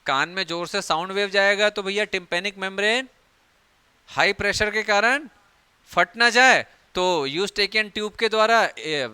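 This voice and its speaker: A man's voice: sits high, pushed and bright, clean tone, dry recording. A young man teaching biology in a chatty, joking classroom lecture, acting out everyday scenes.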